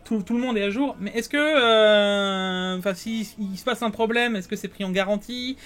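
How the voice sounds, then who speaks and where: A man co-hosting a casual tech news show, talking in an animated, questioning way with many fillers. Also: high voice, normal speed.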